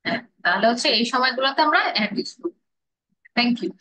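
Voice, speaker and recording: Woman, Bangladeshi accent, English teacher, drills pronunciation, bright tone. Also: a little high, lively intonation, a little fast, low-quality recording. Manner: drills pronunciation, mixes English phrases into explanations. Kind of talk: classroom grammar lesson.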